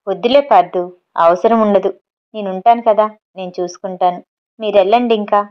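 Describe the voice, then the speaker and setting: A woman's voice: medium pitch, fairly even intonation, fairly quick, clear, resonant tone, highs cut off, lightly acted. A woman reading as a worried, wry young man.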